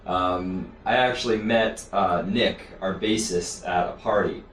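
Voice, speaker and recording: A man from Florida, a rhythm guitarist guesting on a radio show, telling a story hesitantly with many pauses. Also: low voice, steady tone, noisy background. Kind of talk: casual radio interview. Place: radio studio. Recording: echoey, distant from the mic.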